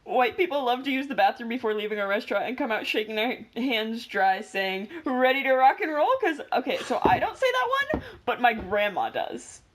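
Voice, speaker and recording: A woman's voice: fairly high pitch, very animated, normal speed, hardly any pauses, a bit bright, slight background noise. A teenage girl co-hosting a podcast in casual chat, rambling, correcting herself mid-sentence and joking. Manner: rambling, self-correcting, jokey. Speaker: podcast co-host.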